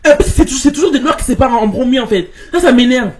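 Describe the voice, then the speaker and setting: A man from France hosting, casually reading viewers' stories aloud and commenting on them. He talks in an animated way, repeats words and mixes in English slang. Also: very high-pitched, quick pace.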